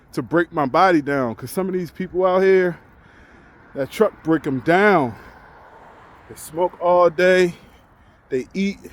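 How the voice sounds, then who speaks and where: A truck driver in his forties, talking candidly and reflectively in a casual vlog while out on a walk, often restarting his sentences as he thinks aloud. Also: high-pitched. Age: 40s.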